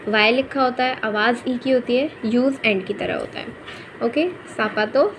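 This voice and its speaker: A woman's voice: on the high side, moderate pace, background noise. A woman teaching a Spanish pronunciation lesson in Hindi, repeating each example word patiently and saying "okay" often.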